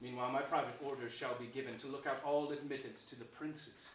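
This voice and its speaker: On a theater stage before an audience, an actor plays a scheming, sardonic nobleman, sly and falsely courteous, gloating cynically in declamatory Shakespearean style with drawn-out, deliberate phrasing. His medium-pitched voice has fairly even intonation, close to everyday speech. A distant mic gives roomy pickup with faint noise.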